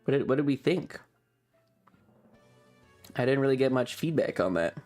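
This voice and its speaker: In relaxed, off-the-cuff livestream banter, the streamer and ASMR video maker thinks aloud and drifts between topics for the viewers. Delivery is animated at an ordinary pace, with a medium-pitched, slightly mellow voice and soft music in the background.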